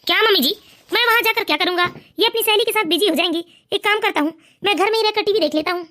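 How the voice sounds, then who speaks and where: A woman's voice: very high-pitched, very fast, bright, forceful tone. A woman voicing a smug, mocking young son-in-law in a cartoon family story. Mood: casual.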